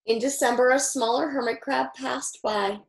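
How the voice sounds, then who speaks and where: Creaky-voiced woman reading a storybook. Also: high-pitched, fairly even intonation, normal speed. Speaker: teacher reading aloud. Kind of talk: picture-book read-aloud. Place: small furnished room indoors.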